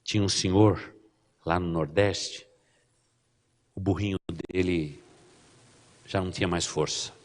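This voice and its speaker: Lively low-voiced Brazilian pastor preaching. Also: male voice, measured pace, pauses often. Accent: Brazilian Portuguese. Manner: lively storytelling, asks the congregation "não é?". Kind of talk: sermon.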